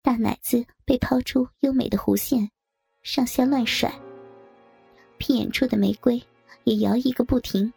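A woman narrating a first-person story in a steady, matter-of-fact reading. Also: a little high, a little slow, gravelly, husky, no room sound, faint music behind.

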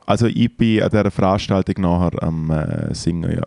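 A man's voice: sits low, a little fast, vocal fry, dark tone, no echo. A young Swiss German man, a musician and podcast co-host, talking in a laid-back, hesitant way with dry humor. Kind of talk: casual banter.

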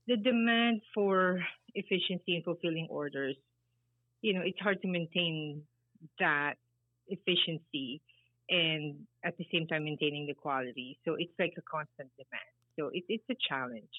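A woman's voice: low-pitched, normal speed, breathy edge, no room sound. A middle-aged woman from the Philippines, answering interview questions casually with many fillers. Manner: rambling, many fillers, laughs easily. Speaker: guest, baker and business founder. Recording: tinny phone-like line.

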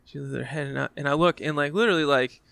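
Gravelly, easygoing podcast guy. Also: a little high, fast talker, fairly bright tone, no room sound. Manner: easygoing, laughs often, lots of "like". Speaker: podcast co-host and comedian. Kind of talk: casual storytelling chat.

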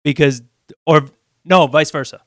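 A man's voice: on the high side, unhurried, dry recording, clean studio sound. A man co-hosting a casual podcast chat, explaining bluntly with a joking edge. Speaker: co-host.

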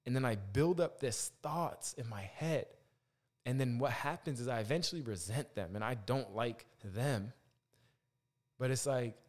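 A man's voice: mid-range voice, a little mellow. A man hosting a podcast in a casual motivational monologue, using Rasta-influenced slang, reflective and repeating phrases for emphasis. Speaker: podcast host.

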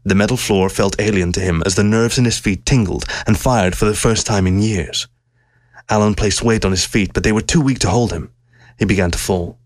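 A man with a low voice reads a science-fiction story in a steady, measured way. The sound is dry and close, recorded in a quiet home studio. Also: no room sound. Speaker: narrator.

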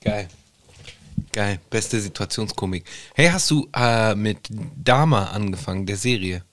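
A man's voice: on the low side, unhurried, fairly bright tone. A man reacting in a laid-back, joking way as co-host of a casual podcast.

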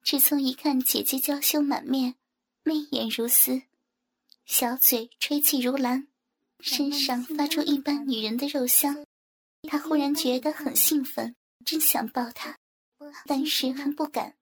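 High-voiced woman narrating a story. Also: steady tone, unhurried. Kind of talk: scripted narration.

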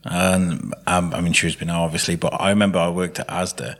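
A man's voice: sits low, little pitch movement, fast, fairly bright tone. A man hosting a podcast in casual, informal, joking conversation. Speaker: podcast host. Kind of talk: casual chat.

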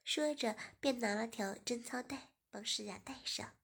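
A woman narrates a story in a slightly high, breathy voice. She reads evenly and unhurriedly, and sometimes slips into a soft whisper. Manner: even, unhurried reading, dropping into a whisper.

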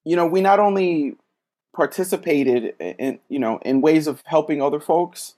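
A man who works as a social worker is a guest in a casual conversation. His voice is a little high with a dark tone, and he speaks thoughtfully and hesitantly, with frequent pauses and fillers.

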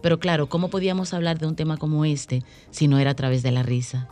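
Low-voiced woman telling a story earnestly. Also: little pitch movement, fast, mellow, faint music behind. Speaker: guest promoting a stage play. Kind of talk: radio interview.

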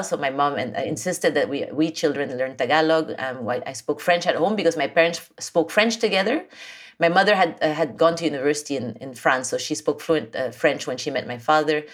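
Low-voiced woman guest telling her story. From Philippines. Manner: warm, lively storytelling with many fillers and restarts. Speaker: podcast guest. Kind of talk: casual interview chat.

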